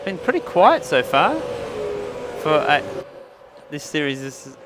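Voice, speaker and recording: A man's voice: a little high, big pitch swings, measured pace, music in the background. A man giving live motorsport commentary as a conversational play-by-play that lifts with the action.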